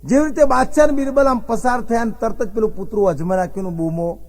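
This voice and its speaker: A man's voice: very high voice, fairly even intonation, quick pace, darkish tone. A man from Gujarat, telling folksy comic stories as a stand-up comedian and acting out the dialogue. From Gujarat, India. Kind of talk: comic storytelling on stage.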